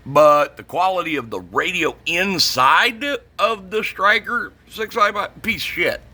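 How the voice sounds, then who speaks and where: Ranting bluntly about his line of work, this middle-aged CB radio shop vlogger from the northern US swears freely and hammers points home through repetition. His voice is high, animated, pushed, and bright, at a measured pace.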